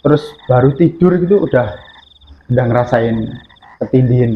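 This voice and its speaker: A man's voice: medium pitch, normal speed, roomy sound, narrow, tinny audio. Man from East Java telling his story. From East Java, Indonesia. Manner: earnest, plain storytelling with many fillers. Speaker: guest telling his experience. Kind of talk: radio interview, personal story. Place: radio studio.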